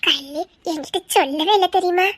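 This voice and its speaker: A woman's voice: very high-pitched, a little fast, a bit bright. A woman voicing a shy, easily frightened young wife who giggles through her tears. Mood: shy teasing. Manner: bashful, teasing, tearful giggles. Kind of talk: audio drama acting.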